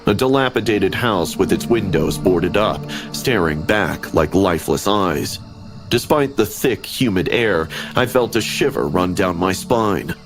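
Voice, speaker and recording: Man, deep voice, ominous horror narration, steady storytelling, music underneath. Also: unhurried. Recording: animation audio with background music.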